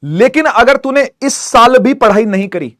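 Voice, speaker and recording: A man teaching an online class, giving a lively, preachy, friendly pep talk to students about studying hard. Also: extremely high pitch, moderate pace, no room sound, studio quality. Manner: animated, preachy, scolding yet friendly.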